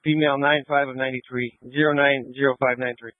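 Over a tight, phone-like radio band, a quick-talking male officer with a mid-range voice reports traffic stops and reads out license plates letter by letter, all very matter-of-fact. The audio is close and dry, without any room ambience.

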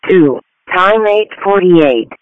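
A man making measured, formulaic emergency dispatcher announcements over a radio. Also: high-pitched, animated, no echo, phone-quality sound. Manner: measured, formulaic call-outs. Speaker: police and fire dispatcher. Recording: dry emergency radio channel audio.

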